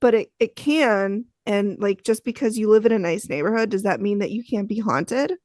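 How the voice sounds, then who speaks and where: A woman's voice: mid-range voice, moderate pace, darkish tone, no echo. A woman in her thirties co-hosting a podcast in casual chat, joking, laughing often and tossing in mock-scolding asides. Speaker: podcast co-host.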